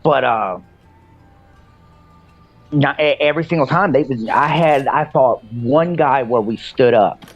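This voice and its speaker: A man in his thirties speaks in a steady, explanatory way on a casual podcast. His mid-range voice comes through dull, lo-fi audio. Faint music sits behind him. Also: mid-range voice, unhurried, pauses often. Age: 30s. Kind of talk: casual chat.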